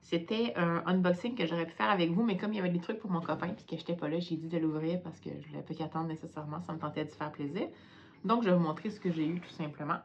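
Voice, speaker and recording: A woman's voice: fairly low pitch, fairly even intonation, quick pace, muffled recording, a little hiss or hum. A tired woman with a Quebec French accent chatting hesitantly at home in a casual book vlog, with many fillers. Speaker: book vlogger.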